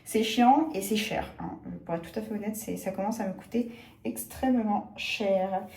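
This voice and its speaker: A young woman vlogs casually from apartment rooms and city streets, holding her phone at arm's length, poking fun at herself and trailing off into hesitant asides. Her medium-pitched voice is warm and creaky at a normal pace, and the phone audio is echoey with a faint hum.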